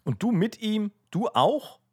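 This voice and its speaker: A distressed, devout young man, his voice climbing high as he pleads, put on by a male reader. The tone is earnest and imploring. The recording is dry and close, with no room sound. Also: sing-song, a little slow, a little mellow, breathy edge, no echo, exaggerated voice. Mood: dismayed. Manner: raised, imploring.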